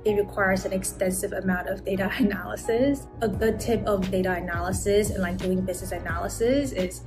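A woman in her twenties from Taiwan, talking casually through her work day in a vlog, with a relaxed manner and frequent "like". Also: mid-range voice, fairly quick. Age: 20s. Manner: relaxed, uses "like" often. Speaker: business analyst vlogger. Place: apartment home office, indoors. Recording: background music under voice.

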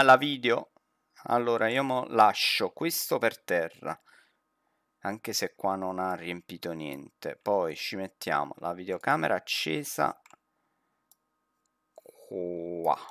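Slow, bright-voiced laughing gamer. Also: low-pitched, no echo, studio quality. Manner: chatty, laughs often, jokey banter with a teammate. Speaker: streamer playing a horror game with a friend. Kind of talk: casual gaming commentary.

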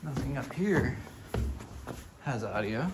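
Casual, unhurried speaker checking alarms indoors, lively intonation, heavy noise behind. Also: mid-range voice. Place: indoor hallways and stairwells of large building. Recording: very loud background alarm noise.

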